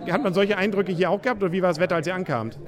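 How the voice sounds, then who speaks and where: A man hosting a radio podcast leads a street interview in rapid, chatty patter. His voice sits high for a man. A loud city crowd fills the background. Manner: chatty, jokey questions. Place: outdoors in a busy city. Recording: crowd noise behind.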